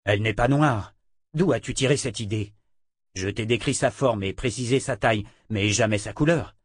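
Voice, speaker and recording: A man's voice: on the low side, moderate pace, husky, dry recording. A man reading an audiobook, voicing a cheerful young male hero who speaks plainly and directly. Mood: correcting. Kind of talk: audiobook character voice.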